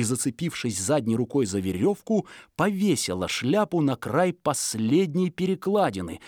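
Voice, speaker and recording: An audiobook narrator, this expressive male storyteller delivers dramatic scripted story narration with very lively pitch. The recording is dry, with clean studio sound.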